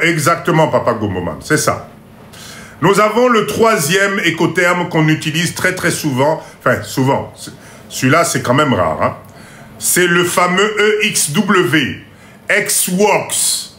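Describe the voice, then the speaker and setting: A man giving a live class on import-export, going slowly, repeating each point, checking that everyone follows, and joking about his own English. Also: on the high side, big pitch swings, pushed and bright, reverberant. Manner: mixes in Lingala phrases and jokes about his English. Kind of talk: live online lesson.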